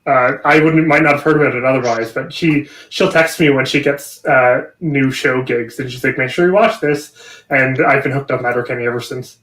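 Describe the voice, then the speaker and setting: A man's voice: mid-range voice, steady tone, normal speed, fairly bright tone, reverberant, poor audio. A man with a Canadian accent chatting on a video call, friendly and explanatory. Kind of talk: casual livestream chat.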